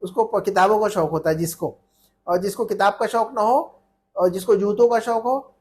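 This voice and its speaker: A man teaches Arabic in a relaxed online lesson. His voice sits high and a little husky. He explains patiently, circles back over points and keeps checking in with his student. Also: normal speed. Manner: explains patiently, repeats points, often asks "है ना?".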